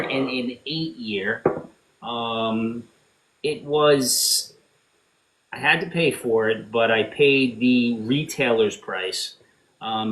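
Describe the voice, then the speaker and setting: A man's voice: medium pitch, a bit bright. Man chatting casually in an echoey room. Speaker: giveaway organizer, livestream guest. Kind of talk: casual livestream chat.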